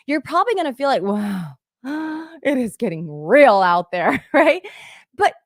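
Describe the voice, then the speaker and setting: A woman coaching an online workshop in an energetic, conversational way, often saying "like" and "right?". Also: fairly high pitch, dry recording, clean studio sound. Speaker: business coach. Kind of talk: motivational workshop talk.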